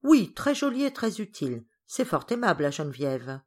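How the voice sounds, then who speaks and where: A woman's voice: lowish voice, sing-song, normal speed, a little mellow, husky. A woman voicing a brusque, busy father in an audiobook. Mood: curt. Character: gruff grumpy father, curt and busy.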